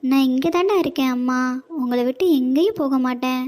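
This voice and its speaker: Cartoon mom, tender, coaxing and soothing, high soft voice; a woman voices her. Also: a little fast, slight background noise, close to an everyday voice.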